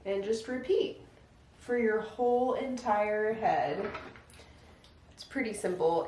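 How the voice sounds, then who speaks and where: A young woman, a stay-at-home mom, chatting casually through a step-by-step get-ready-with-me routine at home. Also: medium pitch. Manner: chatty, relaxed, step-by-step how-to with lots of "like". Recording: echoey room, voice a bit distant.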